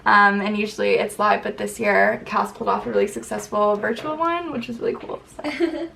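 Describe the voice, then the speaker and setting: A woman's voice: medium pitch, fairly even intonation, fairly quick, vocal fry, sharp tone, a little hiss or hum. A young woman chatting casually in a bubbly sorority-girl manner, peppering her talk with "like" and "super". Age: young adult. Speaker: sorority member answering questions. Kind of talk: casual get-ready-with-me chat.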